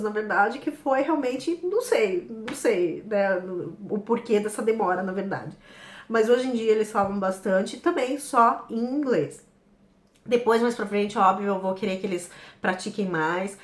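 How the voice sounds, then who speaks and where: A mother from Brazil with a Paraná accent, chatting casually about her family, laughing often. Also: fairly high pitch. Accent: Paraná Brazilian Portuguese. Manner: lively, laughs often, quotes family dialogue. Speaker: interview guest, mother. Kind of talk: casual chat. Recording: echoey room.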